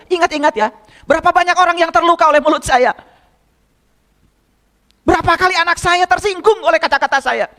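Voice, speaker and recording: A man preaches in a strikingly high voice, teaching his congregation in an easy, conversational way. He repeats phrases for emphasis and keeps turning to his listeners with rhetorical questions. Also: a bit bright. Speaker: religious teacher. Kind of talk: sermon.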